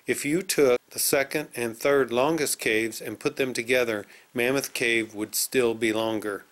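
A man narrates from a script in a medium-pitched voice. He delivers facts in complete, orderly sentences as a video narrator. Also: steady tone, a little slow, fairly bright tone.

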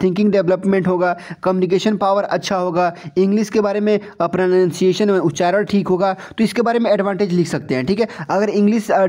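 A male teacher giving an exam-prep lecture, reading English definitions slowly and then explaining them in Hindi with rhetorical questions to the viewer. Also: high-pitched, darkish tone.

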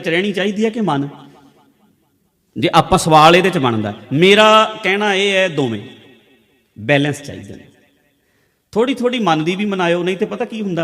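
Punjabi male preacher, higher-pitched voice, conversational repeated teaching lines, long hall reverb. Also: a bit bright. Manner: conversational, repetitive teaching with everyday examples. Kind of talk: religious discourse. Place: large hall with a congregation.

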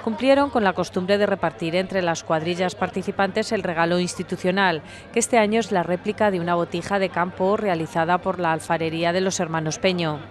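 A news reporter reading a scripted voice-over report in an even, measured delivery. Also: medium pitch.

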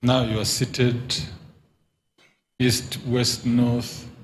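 A male prophet prays and commands spirits out in a slow, measured voice. He speaks into a handheld mic in a big echoing church hall. Faint background noise sits under his voice. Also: mid-range voice, level tone. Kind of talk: prophetic deliverance prayer. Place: large church hall with crowd.

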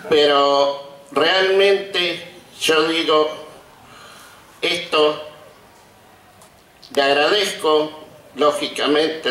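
Emotion makes this sixty-five-year-old Argentine man tremble as he gives his acceptance speech, a retired teacher reminiscing with frequent, deliberate pauses to a seated audience in an outdoor colonial courtyard. His voice is medium-pitched, bright, and forceful, and the podium mics on stands produce a roomy, distant PA sound with a little hiss or hum.

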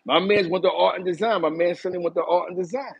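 A middle-aged man from East Harlem with a New York accent, telling stories in a casual chat from a small room, animated and talking with his hands. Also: high voice, fast talker, gravelly, husky, no room sound, dull audio. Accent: New York City. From East Harlem, New York City. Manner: animated, gestures a lot while reminiscing. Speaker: host. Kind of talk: casual storytelling to a live chat. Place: small bright room indoors.

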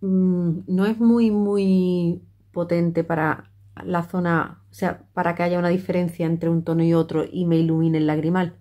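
A woman's voice: on the low side, flat delivery, a little slow, dark tone. A middle-aged woman, chatting her way through a makeup tutorial with many fillers and restarts. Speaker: makeup vlogger.

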